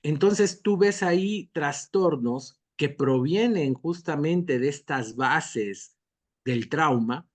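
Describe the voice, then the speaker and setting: Slow, higher-voiced male doctor explaining. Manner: calm, lecturing, acts out dialogue when giving examples. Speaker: doctor, guest expert. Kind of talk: explanatory interview answers.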